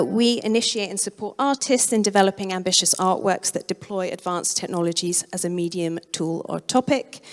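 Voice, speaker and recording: A woman giving a conference keynote, her voice going hoarse, speaking in a measured way and correcting herself as she goes. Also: medium pitch. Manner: measured, self-correcting presentation. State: losing her voice. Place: museum auditorium. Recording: long reverb of a lecture hall.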